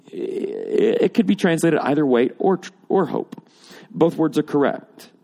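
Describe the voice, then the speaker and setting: A man's voice: medium pitch, gravelly, warm tone. A man preaching a sermon to a congregation, explaining scripture and building emphasis on repeated phrases. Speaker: pastor. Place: church or auditorium with congregation.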